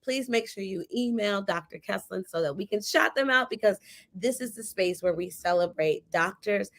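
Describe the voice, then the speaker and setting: Lively woman podcast co-host. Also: mid-range voice, normal speed. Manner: lively, emphatic, playful. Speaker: podcast co-host, recent doctorate. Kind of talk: casual podcast chat.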